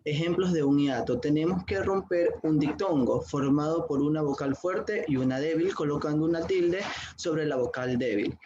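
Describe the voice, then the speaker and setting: Guy student reading his part of a class talk, slightly high voice, dull sound with faint noise. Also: normal speed, hardly any pauses. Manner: reads steadily with occasional "eh" fillers. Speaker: student presenter.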